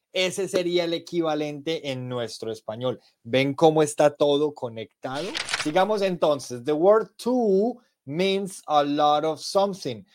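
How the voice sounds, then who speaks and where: A man leads a podcast English lesson at an unhurried pace. His voice sits a little high for a man, and he explains each example patiently, with friendly asides to his listeners. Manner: slow explanations switching between Spanish and English examples. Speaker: English teacher.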